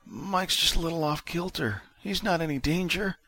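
A man's voice: a little high, moderate pace, bright, forceful tone, dry recording, voice pushed up. A man voicing a badly injured male ship captain who talks weakly and breathlessly. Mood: weak, dazed. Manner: weak, strained and breathless.

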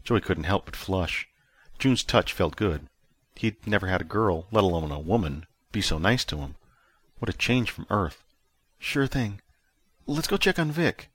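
A man reads his own science fiction story aloud in a steady, plain delivery. His voice sits low and has a husky grain. The recording is dry and close. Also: moderate pace, no room sound. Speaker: author and narrator. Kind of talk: audiobook fiction narration.

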